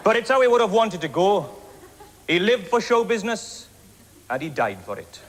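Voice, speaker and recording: A Welsh man doing a deliberately inept ventriloquist comedy act, with mock-earnest patter. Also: high-pitched, sing-song. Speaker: comic ventriloquist. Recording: echoey hall with background noise.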